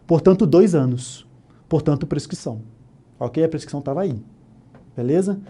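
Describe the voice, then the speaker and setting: A man's voice: on the high side, expressive, moderate pace, warm tone, husky. A Brazilian man teaching an exam-prep law lesson, walking through the answer step by step and checking in with the listener often. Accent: Brazilian Portuguese. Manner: explains step by step, often asking "né?", "ok?", "tá?". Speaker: law instructor. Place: online course studio.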